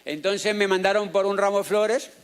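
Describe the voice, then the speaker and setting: A Colombian man with a fairly high voice tells a story to a live audience in an auditorium. He talks as a motivational speaker, playful and animated, acting out the people in his story and joking with the crowd. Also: normal speed, clean tone. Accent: Colombian Spanish.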